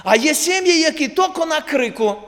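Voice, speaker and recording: A man's voice: extremely high pitch, expressive, brisk, a bit bright. A man preaching a sermon to his congregation, putting rhetorical questions to them and telling homely stories from his own family life. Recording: long hall reverb.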